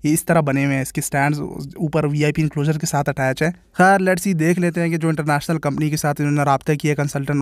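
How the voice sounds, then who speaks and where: A man's voice: on the high side, no echo, clean studio sound. A man with a Pakistani Urdu accent, a cricket vlogger giving casual, exasperated commentary straight to his viewers. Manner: opinionated, exasperated, addresses viewers as brother.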